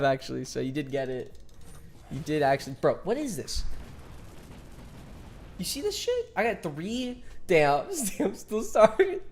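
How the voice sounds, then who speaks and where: A man in his twenties streaming a game, chatting casually and joking with viewers, swearing often. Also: high-pitched. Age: 20s. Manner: laid-back, joking with chat, swears often. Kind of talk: casual live-stream chat.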